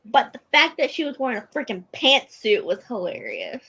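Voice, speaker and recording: A woman's voice: on the high side, big pitch swings, vocal fry, pushed and bright, breathy edge, rough recording. A woman co-hosting a casual podcast, chatting eagerly about a TV episode. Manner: chatty, enthusiastic, quick laughs. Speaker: podcast co-host. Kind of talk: casual episode recap chat.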